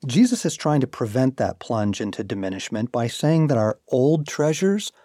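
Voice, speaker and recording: A man reading a devotional aloud, with expressive, shifting emphasis. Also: medium pitch, moderate pace, dry recording, clean studio sound. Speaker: devotional reader.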